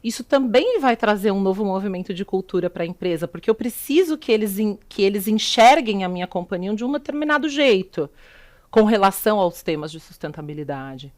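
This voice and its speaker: An animated, fairly quick woman's voice of medium pitch. She is a middle-aged sustainability executive with a Brazilian Portuguese accent, a guest in a videocast interview who sets out her opinions and keeps raising rhetorical questions.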